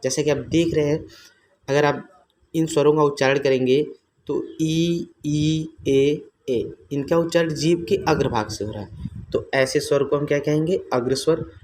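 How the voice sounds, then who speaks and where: A man with a somewhat high, darkish voice gives an exam-prep grammar lesson at a moderate pace, posing his own questions, answering them, and repeating each term. There is slight background noise.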